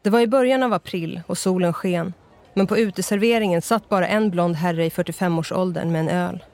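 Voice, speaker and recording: An audiobook narrator reading a crime story in an even, measured way. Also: mid-range voice. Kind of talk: scripted narration.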